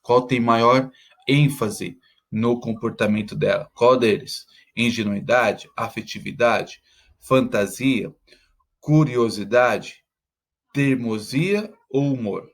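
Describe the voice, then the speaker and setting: A man's voice: medium pitch, slow pace. A man teaching, talking students through school exercises step by step and checking in with "tá?" after nearly every phrase. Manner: checks in constantly with "tá?".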